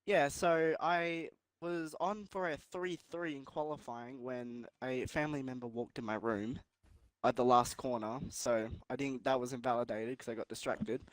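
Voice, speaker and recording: A man's voice: mid-range voice, fairly even intonation, normal speed, dry recording. A man who has just won a sim race, answering interview questions modestly with fillers. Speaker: race winner guest.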